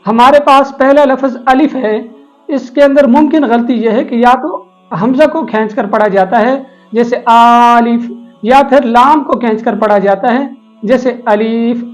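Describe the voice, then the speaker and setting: Guy teaching quran letters, calm steady explaining, stretches out the sounds, soft music behind. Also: extremely high pitch, rough recording. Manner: measured, explanatory, drawn-out letter demonstrations. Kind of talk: instructional lesson. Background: faint background music.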